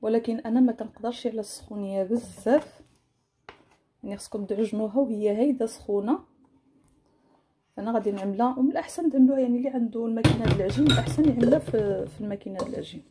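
Presenting a recipe in a casual cooking tutorial, a Moroccan-accented home cook explains and restates every step. She talks rapid-fire in a highish, warm voice with a breathy edge.

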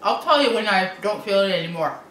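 A middle-aged woman chatting casually to camera, struggling to talk with her mouth and throat burning from spicy food, haltingly, clearing her throat and puffing out breaths. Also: mid-range voice, lively intonation, fairly bright tone. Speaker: host of a food challenge video. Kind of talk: casual reaction chat to camera. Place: small indoor room with window blinds. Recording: echoey room with faint background noise.

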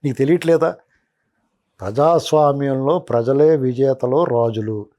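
A man's voice: mid-range voice, a little slow, dark tone. A man giving heated political commentary as an analyst, scolding a politician directly.

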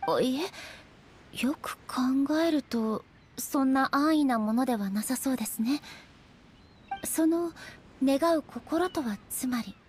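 A woman playing a regal, solemn female shogun and swordswoman in a game, speaking formally and with measured stateliness. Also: high voice, a little hiss or hum. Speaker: voice actor. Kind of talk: Japanese anime-style game character voice lines.

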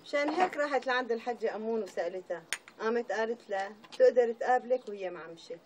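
An actress with a Syrian accent playing a sharp, dismissive aunt, in a TV drama. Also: female voice, fairly high pitch, animated, fast, background noise, close to an everyday voice. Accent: Syrian Arabic.

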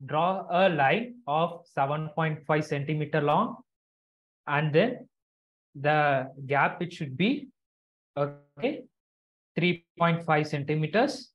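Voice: medium pitch, animated, takes it slowly. A teacher explaining a craft to children step by step in an online class, repeating instructions and checking they follow. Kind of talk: live instructional lesson. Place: online video call. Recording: dull lo-fi video call audio.

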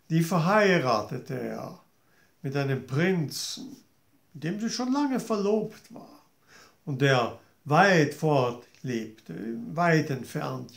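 A male storyteller telling a fairy tale to children, gently addressing his listeners directly. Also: on the high side, sing-song, slow pace, gravelly. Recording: roomy echo.

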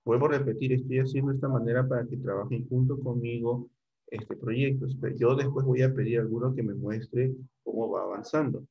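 A man's voice: medium pitch, steady tone, a little fast, creaky, slightly rough, highs cut off. A middle-aged man teaching a computer class online, guiding students step by step and checking in often.

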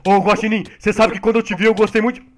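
A young man hosting a group video game session, talking fast and rambling with laughs. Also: sits high, little pitch movement. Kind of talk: excited gaming chat.

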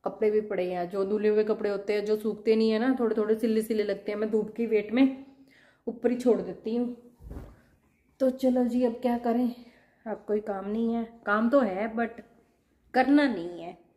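A woman in her thirties, a mother chatting casually to her viewers from her home kitchen while doing chores and gently scolding her child. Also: mid-range voice, steady tone, normal speed. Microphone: phone camera.

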